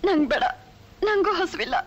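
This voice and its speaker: An impassioned pleading daughter. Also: female voice, very high-pitched, lively intonation, moderate pace, lo-fi sound. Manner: impassioned, reproachful, tearful. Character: grieving younger sister, pleading with her father. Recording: film soundtrack with music under. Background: film score music.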